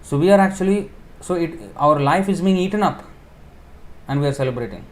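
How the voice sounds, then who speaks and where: A preacher with a fairly high-pitched voice leads a scripture class in an informal sermon style. Thinking aloud, he uses everyday examples to explain points, filling pauses and correcting himself as he goes.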